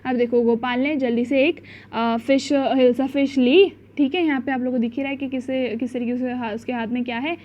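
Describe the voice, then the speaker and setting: A woman teacher explaining a school story chapter, mixing languages, acting out the quotes and reading English lines slowly. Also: high-pitched, steady tone, darkish tone, a little hiss or hum. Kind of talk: storybook lesson in Hindi and English. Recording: dull lo-fi sound.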